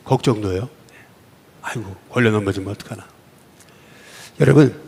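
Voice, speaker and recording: Male pastor, gravelly and husky, swinging pitch, preaching with long church-hall reverb. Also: mellow. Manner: asks the congregation questions and acts out quoted voices. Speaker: senior pastor. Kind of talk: sermon. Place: church sanctuary.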